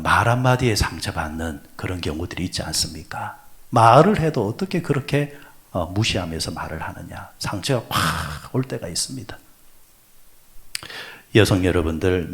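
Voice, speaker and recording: A male pastor with a fairly low voice preaches at an early-morning prayer service. His pitch rises and falls a great deal as he puts questions to the congregation and answers them himself. He swings from loud exclamations to soft, breathy asides. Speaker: senior pastor.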